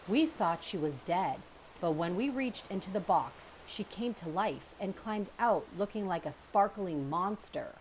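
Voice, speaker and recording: A woman's voice: medium pitch, animated, a little slow, slight background noise, natural voice. A woman voicing a big, friendly female otter in a storybook reading, chatty and bubbly.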